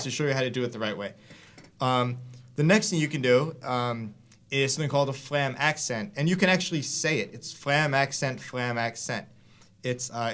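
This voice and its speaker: Relaxed man teaching drums. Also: mid-range voice. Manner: relaxed, explains with fillers and restarts. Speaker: drum teacher. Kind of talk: casual instructional talk. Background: drum hits between lines.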